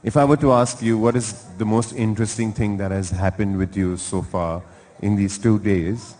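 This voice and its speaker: Hosting a live event in a large hall, a man from India conducts lively crowd interviews, bantering and teasing guests in the audience. His fairly low, mellow voice keeps a steady tone at a moderate pace. The recording has hall reverb and slight background noise.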